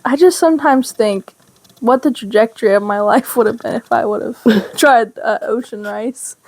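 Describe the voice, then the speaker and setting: High-pitched female co-host, animated casual storyteller who acts out conversations. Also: moderate pace. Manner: animated storytelling, acting out quoted dialogue. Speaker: podcast co-host. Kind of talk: casual chat, personal storytelling.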